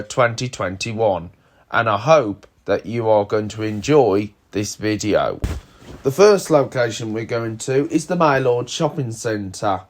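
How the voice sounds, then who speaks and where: A man hosting a video with casual, slightly hesitant, plain-spoken voice-over narration. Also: medium pitch. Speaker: video host.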